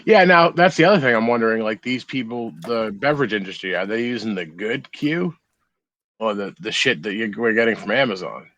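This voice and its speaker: A man's voice: on the low side, expressive, fairly quick, fairly bright tone, dry recording, muffled recording. A man co-hosting a podcast, telling about his grow in a blunt, laid-back way with plenty of swearing. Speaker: podcast co-host. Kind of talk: casual chat.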